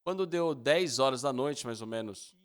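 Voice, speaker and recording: A man's voice: mid-range voice, animated, normal speed. A man interpreting a sermon, telling a personal story and acting out the dialogue in it. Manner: storytelling, acts out dialogue with raised voice.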